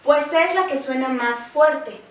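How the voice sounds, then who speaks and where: Woman teacher, high voice, slow and clear, recorded from afar in a very echoey room. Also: recorded from a distance. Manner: slow, clear syllable-by-syllable explanation. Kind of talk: scripted grammar lesson.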